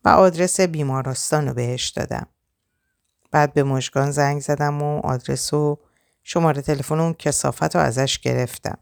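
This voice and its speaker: A woman's voice: low-pitched, gravelly, no room sound, clean studio sound. A woman reading a novel in the first person with dramatic, emotional delivery. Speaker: audiobook narrator.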